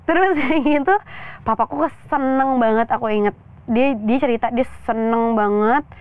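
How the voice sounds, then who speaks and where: A woman's voice: fairly high pitch, moderate pace, clear, resonant tone, dry recording. Young woman telling a personal story, tinny sound. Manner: chatty, animated storytelling with quoted voices. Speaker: actress guest. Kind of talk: candid interview talk.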